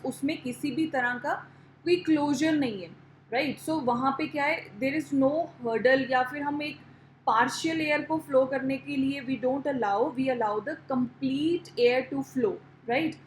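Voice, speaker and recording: A woman's voice: sits high, roomy sound, a little hiss or hum, poor audio. A woman with an Indian accent teaching an online pronunciation class, switching between Hindi and English and answering her own questions.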